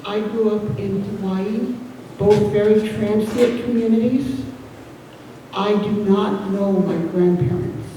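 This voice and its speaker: A woman giving a slow, measured, earnest public comment at a town meeting. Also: mid-range voice, fairly even intonation, warm tone, a little hiss or hum. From United States. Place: school gym at a town meeting. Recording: echoey hall from far off.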